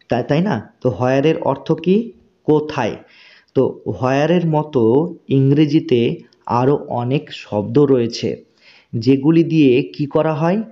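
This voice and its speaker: A man teaches basic English sentences at a very unhurried pace. He repeats each word and checks often that the learner has understood. His voice is soft and mellow, and the recording sounds a little dull. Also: medium pitch. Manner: slow, patient, repeats words and checks understanding. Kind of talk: spoken English lesson.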